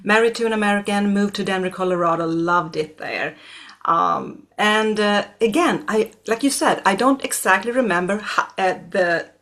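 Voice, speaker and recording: A middle-aged woman from Sweden, a native Swedish speaker with a Swedish accent, appears as an astrologer and regression therapist guest in a conversational interview. She's hesitant, with many fillers and restarts, and her medium-pitched, slightly bright voice moves at a moderate pace.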